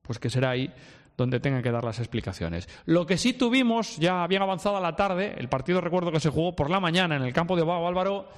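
A man's voice: fairly high pitch, animated, fast talker, long reverb tail. A man hosting a sports news radio show, giving emphatic, outspoken opinions from the studio.

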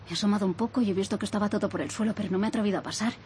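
A woman's voice: mid-range voice, steady tone, darkish tone. An alarmed woman leaves a pleading message on an answering machine. She rattles her words out at a breakneck clip. Her home has just been broken into, and she sounds shaken and urgent. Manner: pleading, hurried. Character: frightened woman whose home was broken into. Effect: message left on an answering machine. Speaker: voice actor in a radio ad. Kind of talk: radio ad acting.

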